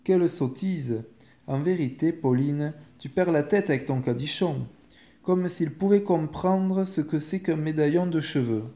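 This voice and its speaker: A stern, quick-tempered mother in a bedtime storybook, snapping out impatient rebukes. A man reads her, with his voice raised a little in pitch over a mellow tone. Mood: scolding. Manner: sharp, scolding and impatient.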